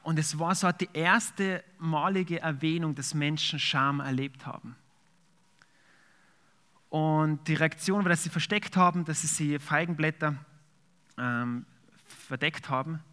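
Bright-voiced man preaching. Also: on the high side, steady tone, a little slow. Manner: conversational preaching with fillers, reads scripture aloud. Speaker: pastor. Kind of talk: sermon.

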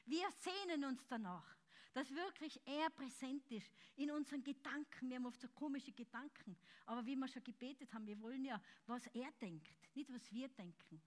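A woman preaching a charismatic sermon, calling out loudly and then dropping to soft, close speech. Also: high voice, normal speed. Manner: fervent, swings between loud shouts and soft intimate speech.

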